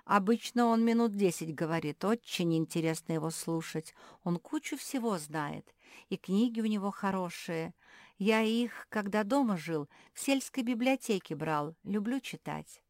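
A woman's voice: medium pitch, expressive, normal speed, dry recording, studio quality, voice pushed up, natural voice. A woman voicing an earnest young schoolboy who patiently explains things to a classmate. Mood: explaining. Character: eager schoolboy pupil, earnest and kind.

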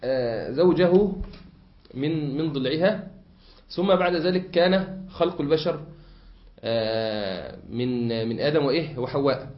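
A man's voice: a little high, normal speed. A man with an Egyptian Arabic accent teaching a classroom lesson, explaining a text patiently and quizzing his listeners with fill-in questions. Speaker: sheikh teaching a grammar text. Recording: echoey room, muffled lo-fi sound.

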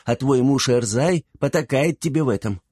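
A man's voice: mid-range voice, expressive, moderate pace, a little mellow, no room sound, studio quality, pitched above the performer's own voice, lightly acted. A man voicing a strict older woman in an audiobook, scolding in a reproachful tone. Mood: stern.

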